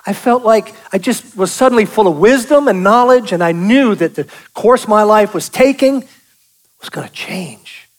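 This guest speaker from South Boston, US, has a high, animated voice and keeps a moderate pace. His testimony sermon is folksy and full of jokes, and he calls out to the people in the congregation.

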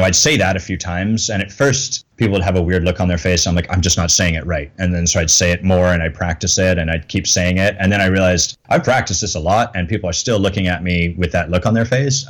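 A middle-aged man with a notably low, deep voice speaks as a coach in an interview. He is candid and self-deprecating and often laughs at himself. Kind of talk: reflective interview talk.

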